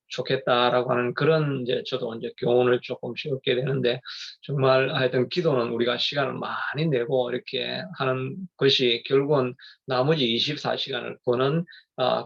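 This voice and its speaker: A man's voice: mid-range voice, flat delivery, normal speed, gravelly, slightly rough, highs cut off. A middle-aged male pastor giving a rambling, conversational sermon with many fillers and restarts.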